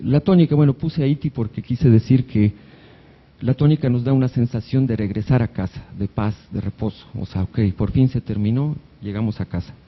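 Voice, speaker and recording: A doctor gives a live, conversational lecture on music theory in a hospital event hall, cracking jokes for the audience and occasionally singing short note examples. His voice is medium-pitched and husky, with the high frequencies cut off.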